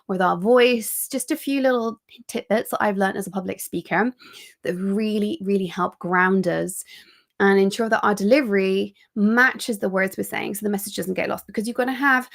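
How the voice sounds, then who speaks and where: An executive coach runs a live online training over a video call, speaking into a computer mic. Her voice is a little high with vocal fry, and she's energetic and chatty, full of quick asides and frequent ums.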